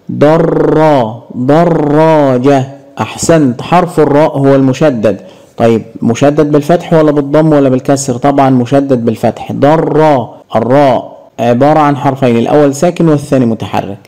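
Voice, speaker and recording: A man with an Egyptian Arabic accent teaching a grammar lesson, slowly stretching out syllables to demonstrate sounds. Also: a little high, warm tone, poor audio.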